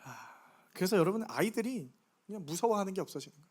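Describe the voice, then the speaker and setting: A man's voice: high voice, lively intonation, fast, a little mellow, breathy edge. A middle-aged man, a pastor, preaching a Sunday sermon in a chatty way and putting questions to the congregation. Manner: conversational, asks the congregation questions. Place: church sanctuary.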